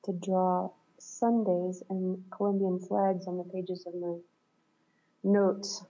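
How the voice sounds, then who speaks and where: A woman's voice: on the low side, little pitch movement, takes it slowly, dark tone, breathy edge, lo-fi sound. A woman on a reflective coaching call, talking thoughtfully and searching for words, laughing often. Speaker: coaching client.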